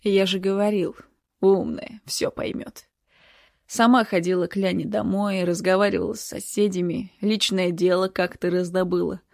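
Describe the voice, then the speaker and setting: A woman's voice: lowish voice, normal speed, creaky, dry recording, studio quality. A woman reading the part of a cold, mocking middle-aged male doctor in an audiobook. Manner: calm, mocking.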